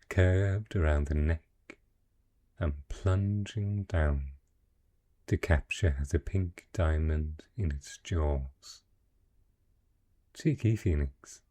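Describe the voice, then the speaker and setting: A man takes on the role of a possessive, teasing dragon in human form, a moneyed merchant patron, in an intimate fantasy romance roleplay. His very deep, mellow character voice coaxes the listener in a slow, courtly, teasing manner.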